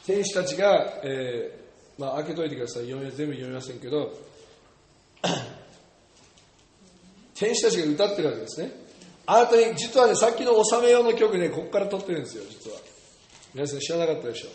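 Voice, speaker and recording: Man, pastor, high voice, animated jokey sermon, echoey church hall. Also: a little hiss or hum. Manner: animated, jokey, reads verses loudly. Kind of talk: sermon with scripture reading. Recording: echoey hall with long reverb.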